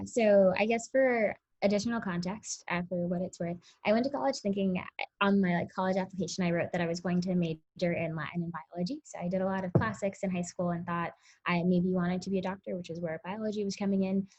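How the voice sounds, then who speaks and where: A tech startup founder in her twenties from Connecticut, US, answers interview questions chattily, full of "ums" and "likes." Her voice is fairly low and steady, and she speaks fairly quickly. The audio is muffled and lo-fi.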